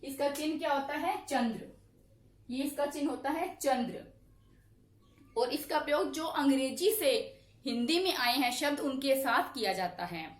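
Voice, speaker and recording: A woman teaching a grammar lesson, asking questions and answering them herself and repeating examples slowly. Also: high-pitched, animated. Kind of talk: classroom-style lesson. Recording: echoey room.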